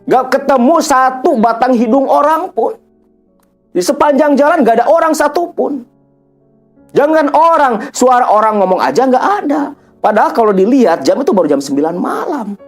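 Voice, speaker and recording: A man's voice: extremely high pitch, animated, normal speed, faint music behind. A man narrating a ghost story in a chatty way, full of repeated fillers.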